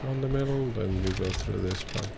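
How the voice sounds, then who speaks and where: A drunk streamer and speedrunner, a native Spanish speaker with a Spanish accent, gives rambling, sweary, casual gameplay commentary. His voice is lowish and gravelly at a normal speed, with background noise present.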